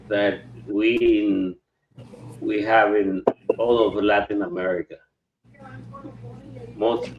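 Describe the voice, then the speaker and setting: A man from Nicaragua with a lowish voice talks very slowly and thoughtfully. He pauses often between phrases. His audio sounds muffled and lo-fi. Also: slight background noise. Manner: slow, reflective, with many pauses. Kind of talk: casual chat. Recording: dull lo-fi sound.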